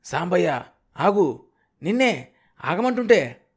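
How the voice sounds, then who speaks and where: A man voicing an excited, scheming male village middleman who talks in a loud, high, insistent way. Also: moderate pace, close to an everyday voice. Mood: shouting. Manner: shouting, high-pitched and insistent.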